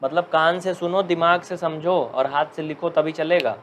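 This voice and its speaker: A man teaching a live online maths class who jokes with students and dictates slowly. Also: fairly high pitch, fairly even intonation, a bit bright, slight background noise. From India. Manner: chatty, joking, dictates slowly.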